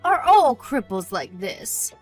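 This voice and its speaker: A haughty older mother-in-law, played by a woman in an audio drama, with a high voice that swings widely. She scolds cruelly, sounding hurt and angry and full of self-pity. Music plays softly behind her. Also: big pitch swings, takes it slowly, exaggerated voice. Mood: contemptuous. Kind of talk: scripted audio drama acting.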